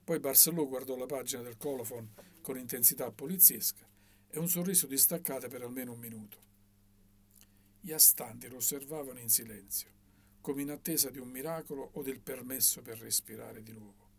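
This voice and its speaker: A man reading a novel aloud in a measured, expressive way. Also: medium pitch, a little hiss or hum. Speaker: audiobook reader.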